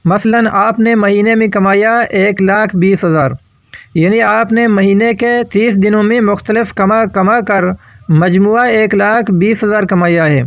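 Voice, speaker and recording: Male math teacher, patient explainer, high voice, dry dull recording. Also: steady tone, no room sound. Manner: patient, explains slowly with worked examples. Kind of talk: step-by-step math lesson.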